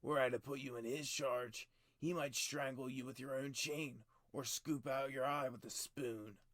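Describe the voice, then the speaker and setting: A man voicing a stern, cold middle-aged king who talks in clipped, forceful commands, higher and louder than his narration. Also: steady tone, measured pace, no room sound, lightly acted. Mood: cold, commanding.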